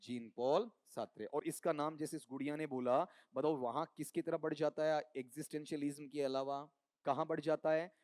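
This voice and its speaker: A man's voice: on the high side, fairly even intonation, fairly quick, a little mellow, no echo, studio quality. A man teaching an exam coaching class, quizzing students with call-and-response questions. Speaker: English teacher.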